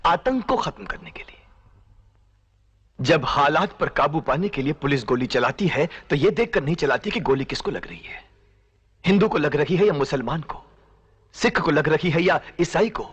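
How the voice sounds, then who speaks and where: An actor playing a firm police officer who lectures and pleads in Bollywood melodrama style. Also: male voice, fairly high pitch, a bit bright, slightly rough, dull audio. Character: stern middle-aged male police officer, firm and pleading. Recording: film soundtrack with music.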